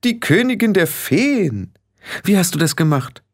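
Man voicing a bossy teenage witch girl, imperious, condescending, raised pitch, lively swooping intonation, audiobook. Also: measured pace, heavily acted. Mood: exasperated. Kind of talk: audiobook character voice.

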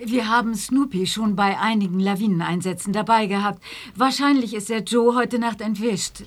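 A woman's voice: mid-range voice, moderate pace, natural voice. A woman acting a frank female character in a German audio drama. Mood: matter-of-fact.

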